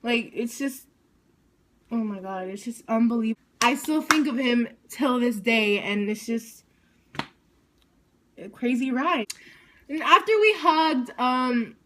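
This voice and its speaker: A woman telling a story to her vlog audience, excitable and rambling, saying "like" constantly. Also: fairly high pitch, unhurried, pauses often, slight background noise. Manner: excited, rambling, heavy use of "like". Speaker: vlogger.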